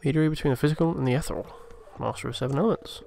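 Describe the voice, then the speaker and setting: A man's voice: on the high side, very fast, vocal fry, a little mellow, a little hiss or hum. A man casually commenting on his own gameplay, chatty and swearing freely as he mutters along. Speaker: let's play host.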